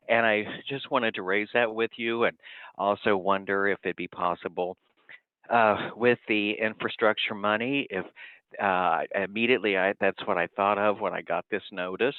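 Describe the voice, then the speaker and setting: Man phoning in to a county meeting; low, halting, courteous delivery through a thin, dry phone line. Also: dry recording. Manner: halting and polite, often trailing off. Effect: speaking over the phone. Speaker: resident giving public comment. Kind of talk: public comment at a county meeting.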